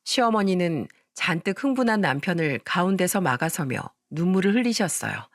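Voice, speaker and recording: A woman's voice: lowish voice, big pitch swings, brisk, dry recording, clean studio sound. A woman narrating a dramatized first-person family story, voicing every character herself.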